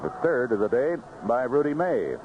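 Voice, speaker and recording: Sing-song and medium-pitched, this announcer speaks at normal speed, delivering live baseball commentary in short, conversational bursts. The noisy, muffled 1970s radio recording comes from an outdoor ballpark booth.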